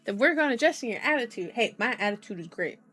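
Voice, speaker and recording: Quick and expressive, a woman with a fairly bright, high-leaning voice chats casually on her livestream while reading out tarot and horoscope cards, musing aloud and drawing out words. Faint music plays behind her.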